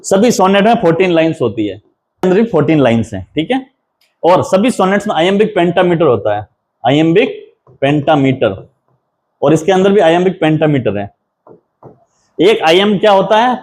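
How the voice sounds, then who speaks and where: A man delivers a patient classroom-style lecture. His voice sits high for a man, and he repeats key terms and counts out the stresses one by one. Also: sing-song, moderate pace, darkish tone. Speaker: assistant professor teaching English poetry. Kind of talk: lecture explaining a poem.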